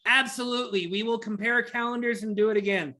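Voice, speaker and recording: A man giving a rapid, enthusiastic webinar presentation over a video call, talking like an auctioneer. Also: high-pitched, steady tone, bright, forceful tone. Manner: rapid, enthusiastic, self-described nerd. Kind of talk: fast-paced webinar presentation.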